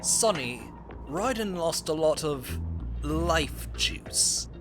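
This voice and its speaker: Cranky old game-parody soldier , male actor, crude and sarcastic, with animated, swinging pitch. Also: drawn-out words, music in the background. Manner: sarcastic, blunt. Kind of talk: comedic video game parody dub.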